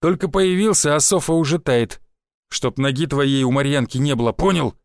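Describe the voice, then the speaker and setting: A man's voice: fairly high pitch, no room sound, clean studio sound, close to an everyday voice. A man voicing a blunt, coarse veteran hunter and mentor with a short temper. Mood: angry. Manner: blunt, coarse, quick to anger.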